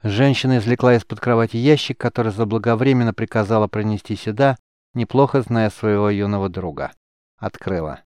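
A man narrating an audiobook in a steady, expressive reading style. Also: lowish voice, fairly quick, smooth, no room sound, clean studio sound. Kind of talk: scripted narration.

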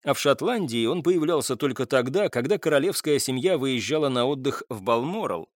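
Brief: male narrator, mid pitch, wry conversational asides, dry close-miked studio sound. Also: lively intonation, fairly quick, dry recording. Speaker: audiobook narrator. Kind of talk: scripted narration of a historical novel.

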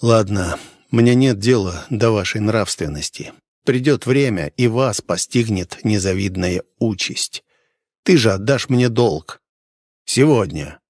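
A man's voice: lively intonation, unhurried, a little mellow, no echo, studio quality. A man voicing a stern, grim hunter who speaks coldly and with control. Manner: cold, low and controlled. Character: stern grim male hunter, calm and menacing.

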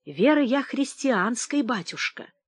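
Cheeky old tramp, slow and teasing, read by a woman. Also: fairly high pitch, sing-song, slightly rough, no echo, voice pushed up, full character voice. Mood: sly. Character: old wandering man, sly, bold.

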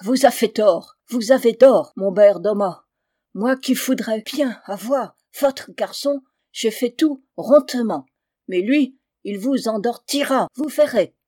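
A woman voicing an eager, scheming middle-aged German man who wheedles and chuckles high. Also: takes it slowly, dark tone, no room sound, clean studio sound. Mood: wheedling.

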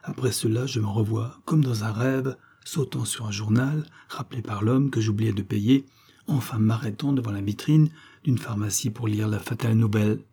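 A man narrating an audiobook in a steady, dramatic storytelling manner. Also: on the low side, moderate pace, husky.

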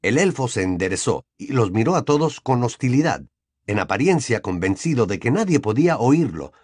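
A man narrating an audiobook with an expressive storytelling delivery. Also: mid-range voice, normal speed, dry recording, clean studio sound. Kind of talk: scripted narration.

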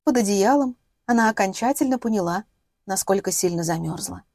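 Warm-voiced woman narrating a novel. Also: medium pitch, no room sound, clean studio sound. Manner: steady, measured storytelling. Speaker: audiobook narrator. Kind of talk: scripted narration.

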